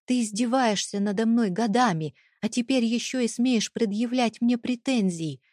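A woman's voice: a little high, animated, measured pace, breathy edge, no echo, clean studio sound, voice pushed up. A woman playing a furious, defiant wife. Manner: raised, shouting accusations.

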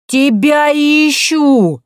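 A woman reading aloud voices a brash, shrill woman who screams accusations at a jilted lover. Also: slow, dry recording, studio quality. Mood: furious.

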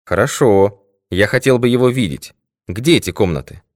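Deep-voiced man playing a composed detective, measured, self-assured, low voice, dry sound. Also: expressive, no echo, close to an everyday voice. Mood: amiable. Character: calm, confident male detective, middle-aged. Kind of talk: audiobook character voice.

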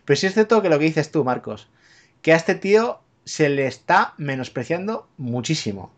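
Man, casual podcast talk, tag questions, swears a lot, fairly high voice. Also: sing-song, moderate pace. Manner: rambling, full of fillers and tag questions; swears freely. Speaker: podcast co-host. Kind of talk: casual film chat.

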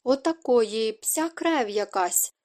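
A woman reading an audiobook voices a bald, hulking male bandit who talks with slow, sneering scorn. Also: on the high side, lively intonation, natural voice.

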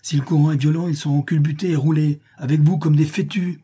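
A man's voice: a little high, fairly even intonation, brisk, dark tone, husky, pitched above the performer's own voice. A man voicing bold young leader Harry. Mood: urgent. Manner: barking commands over a storm.

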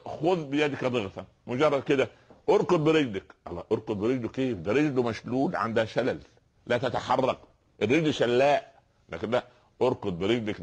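Man, Egyptian accent, sermon, rapid delivery, deep voice, rhetorical questions. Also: slightly rough. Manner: fast, animated storytelling preacher with rhetorical questions. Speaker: preacher.

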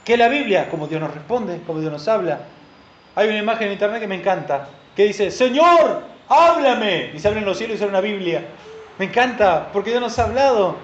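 Animated preacher, high voice. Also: male voice, quick pace. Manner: animated preaching, asks the congregation questions. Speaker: pastor. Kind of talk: sermon. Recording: dull lo-fi recording in a roomy hall.

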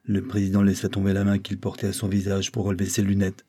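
A man narrates a classic novel in a low, dark and mellow voice. His tone is husky rather than clear, and he lifts his pitch to play the courtroom questioners. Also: completely flat delivery, fast. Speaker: audiobook reader.

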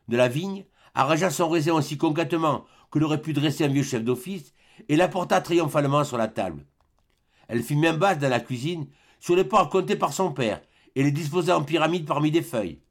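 A man narrates a classic novel as an audiobook, telling the story in a measured, even manner. His voice is on the high side.

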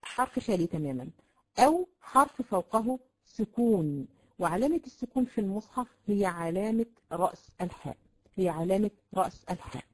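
A woman with an Egyptian Arabic accent teaching a class on Quran recitation, patiently explaining, repeating sounds to demonstrate and filling pauses with drawn-out sounds. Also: medium pitch, lively intonation, low-quality recording. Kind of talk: classroom lesson.

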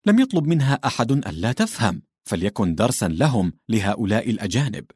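A man playing a sly older nobleman who murmurs mocking remarks in a low, husky voice. The reading is dry and close, as in an audiobook. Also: very animated, fast talker, darkish tone, dry recording. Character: amused older male nobleman, drinking companion.

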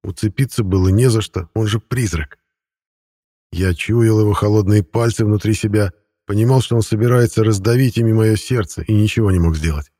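A man reads a fantasy audiobook in the first person, wry and even in his telling. His voice sits low and has a husky grain, and the sound is close and dry with no room around it. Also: a little fast, no room sound. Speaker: audiobook narrator. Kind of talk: scripted first-person narration.

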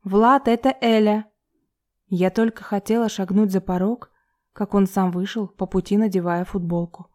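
A woman reading a first-person novel as an audiobook in a calm, even way. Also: medium pitch, moderate pace. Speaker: audiobook narrator.

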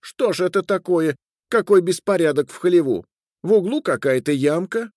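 A man's voice: high-pitched, expressive, moderate pace, a little mellow, no room sound, clean studio sound, pitched above the performer's own voice. A man voicing a nosy, stubborn peasant wife who keeps prying with insistent questions in a storybook reading.

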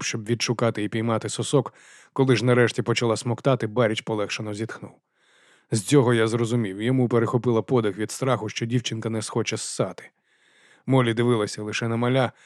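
A man narrates a first-person fantasy audiobook in a measured, quiet manner. His voice sits at a medium pitch, recorded close and dry. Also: no echo.

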